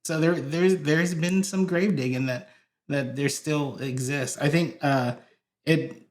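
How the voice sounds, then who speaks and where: A church video director from Hawaii appears as a guest on a podcast, rambling through stories full of fillers and restarts in a casual interview chat. His voice is a little high, steady, and slow.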